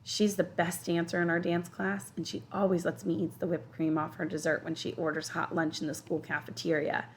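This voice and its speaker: A woman teacher reading a children's novel aloud in a steady, expressive first-person storytelling voice. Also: fairly low pitch, fairly quick, hardly any pauses, slight background noise. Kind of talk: children's audiobook narration.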